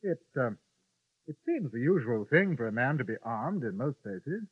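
An actor playing an urbane, dryly polite English newspaper correspondent in a 1950s radio western, with an English accent. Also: male voice, mid-range voice, sing-song, normal speed, husky, no room sound. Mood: courteous, measured. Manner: courteous, wry, understated. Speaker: lead actor and narrator. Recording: muffled vintage radio broadcast, music behind.

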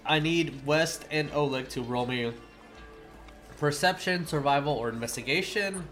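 A man's voice: a little high, unhurried, fairly bright tone, faint music behind. A man narrating as dungeon master of a tabletop game, laughing often as he describes scenes.

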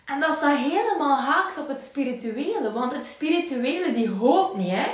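A woman with a Flemish accent giving an energetic motivational livestream talk, acting out inner voices. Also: high voice, moderate pace. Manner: energetic, acts out inner voices, laughs often. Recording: very echoey room, mic at a distance.

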